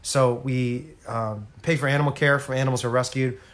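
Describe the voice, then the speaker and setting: A man's voice: mid-range voice, fairly even intonation, a little fast, fairly bright tone. A man talking earnestly and persuasively to viewers on a casual home livestream, addressing them directly. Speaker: animal rights activist on a livestream. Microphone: phone or laptop on a home livestream.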